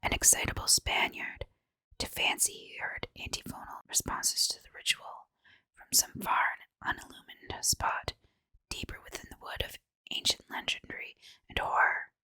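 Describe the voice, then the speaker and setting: A woman reading a horror story for ASMR in a hushed, breathy, unvoiced whisper, with deliberate, measured phrasing. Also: dry recording. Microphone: close mic, dry.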